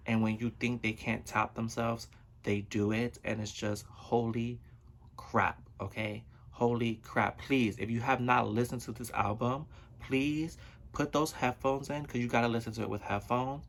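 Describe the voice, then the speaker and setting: A man hosting a reaction video, gushing in excited, slangy exclamations as a song plays. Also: mid-range voice. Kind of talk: casual reaction commentary. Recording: song playing loudly behind the voice.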